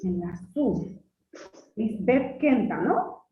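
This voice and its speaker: A woman teacher leads a lesson, quizzing her students with patience and saying key words slowly twice over. Her voice is mid-pitched and set back from the mic. The sound is thin and phone-like, with a hollow echo of the room. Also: expressive, a little hiss or hum. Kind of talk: classroom lesson. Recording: distant echoey phone-like sound.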